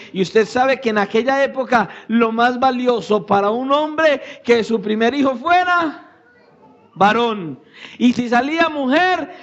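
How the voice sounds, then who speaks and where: Male pastor, high-pitched, fiery sermon with sudden drops to a hush, muffled church recording. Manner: preaching with sudden shouted peaks and hushed low drops.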